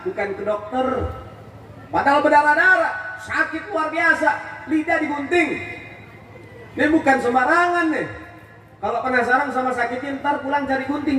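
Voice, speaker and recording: A man with a Betawi accent preaching a storytelling sermon, animated and swinging his pitch as he acts out the quoted speech. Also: a little hiss or hum. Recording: echoey hall, voice from far off.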